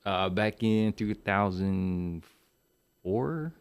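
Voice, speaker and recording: A man in his late thirties who grew up on Guam talks casually as a podcast guest. His voice sits low with a gravelly fry running through it. He keeps an unhurried, easygoing manner. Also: lively intonation, highs cut off. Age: 30s. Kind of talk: casual chat. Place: podcast studio.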